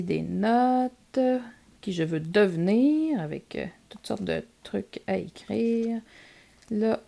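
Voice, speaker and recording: A woman's voice: mid-range voice, creaky, warm tone. A woman with a Québécois accent chatting casually as she shows off her purchases in a vlog, using lots of filler words. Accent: Québécois French. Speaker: vlogger showing purchases. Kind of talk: casual show-and-tell vlog.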